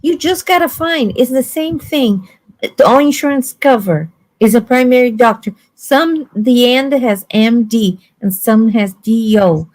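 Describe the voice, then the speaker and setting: A woman's voice: fairly high pitch, unhurried, a little mellow, rough recording. A woman hosting a casual chat, talking bluntly and acting out quoted voices in her stories. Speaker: host.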